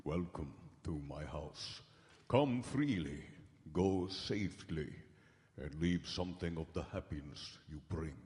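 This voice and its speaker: An actor playing a creepy vampire count with formal, ominously polite menace in a live radio horror drama. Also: male voice, low voice, animated, measured pace, darkish tone. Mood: sinister courtesy. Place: large hall stage, live broadcast. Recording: live theatre hall, long reverb.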